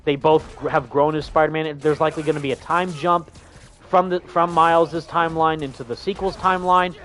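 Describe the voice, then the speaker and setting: Young man, slightly high-pitched, livestream host, casual chat, rambling, enthusiastic, lots of fillers. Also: fairly even intonation, brisk, fairly bright tone. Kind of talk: casual livestream chat, reading viewer comments.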